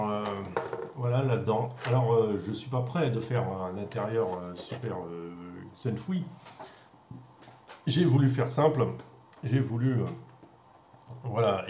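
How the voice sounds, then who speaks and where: A man's voice: mid-range voice, darkish tone, slight background noise. A man casually presenting a hobby unboxing video, joking at his own expense and hesitating with many fillers. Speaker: hobbyist vlogger. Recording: echoey room with faint ambience.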